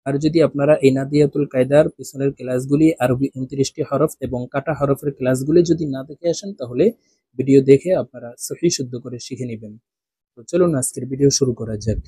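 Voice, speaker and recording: A man teaching Quran reading in a recorded video lesson. He recites letters in a slow, drawn-out, melodic way with careful pronunciation and speaks directly to his viewers. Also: medium pitch, mellow, slightly rough, no room sound, clean studio sound. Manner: instructive, addresses viewers directly.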